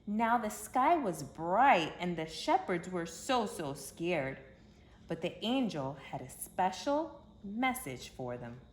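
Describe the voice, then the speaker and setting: A fairly low-voiced woman takes her time reading a children's story, keeping the wording simple while delivering it expressively and with emphasis. There's roomy echo in the recording and background hiss that ranges from faint to clear.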